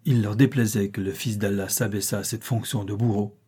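A man reads an adventure novel aloud with steady, expressive pacing. His voice is mellow and dark in tone, with a soft husky grain throughout. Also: fairly low pitch, a little fast. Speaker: audiobook narrator. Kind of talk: dramatic audiobook narration.

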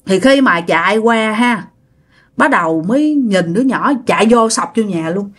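A woman's voice: medium pitch, lively intonation, normal speed. A woman casually telling a ghost story to her listeners, chatty and full of fillers.

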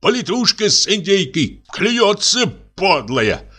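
A man's voice: sits high, sing-song, slow pace, bright, forceful tone, voice pushed up, heavily acted. A man reading aloud and voicing a tipsy, worn-out husband who coaxes, curses and frets. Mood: flustered, frantic. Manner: wheedling, then cursing and exasperated. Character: tipsy, exhausted middle-aged husband, fussy and pleading.

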